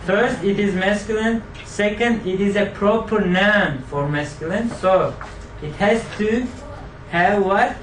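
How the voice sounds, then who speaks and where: This high-voiced, slightly bright teacher takes his time through a grammar lesson, drilling students with questions and echoing their replies. The microphone is distant, catching an echoey room and a bit of background noise.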